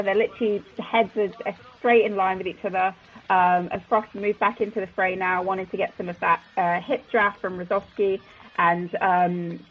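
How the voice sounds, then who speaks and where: A woman's voice: medium pitch, dull audio. A woman giving live sports commentary as color commentator, enthusiastic and full of fillers and restarts.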